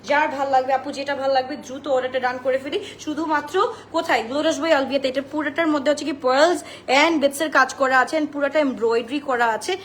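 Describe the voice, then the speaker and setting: A woman's voice: high-pitched, steady tone, fast. A young woman selling clothes on a live stream, chatting to viewers, mixing in English and rattling off sizes in a sing-song list. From Bangladesh. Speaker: online clothing seller. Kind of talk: live-stream sales pitch. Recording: echoey room with faint noise.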